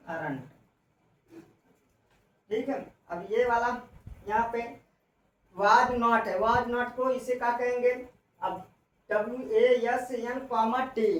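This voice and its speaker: A woman English teacher giving a classroom lesson on contractions, spelling out letters slowly and repeating herself. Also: a little high, recorded from a distance. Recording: echoey room, voice from off-mic, faint noise.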